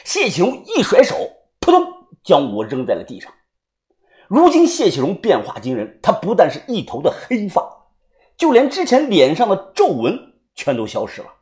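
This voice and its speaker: A woman narrating a first-person story in a dramatic, animated way. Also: lowish voice, moderate pace. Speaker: audiobook narrator.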